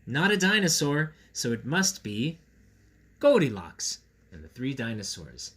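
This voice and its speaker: Unhurried and fairly bright, his mid-range voice swoops wildly in pitch as he reads stories and talks with children. The host keeps things silly, playful and theatrical, and the room echoes with clear background noise.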